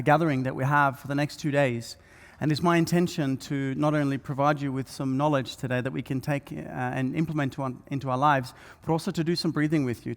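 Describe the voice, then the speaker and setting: A man guides a conference audience through a breathing meditation. His voice sits at an everyday pitch, gentle and patient, with plenty of "uh" and "um". The sound carries a long reverb from a large event hall. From Norway. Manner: soft, slow guiding voice with many fillers. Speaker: speaker guiding a breathwork session.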